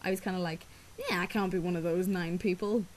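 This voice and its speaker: A teenage vlogger with an Irish accent, whose first language is Irish, chats casually to camera in a lowish, steady voice at a fairly quick pace. She rambles with lots of ums and likes, her throat sore from a cough, while a crowd can be heard behind her.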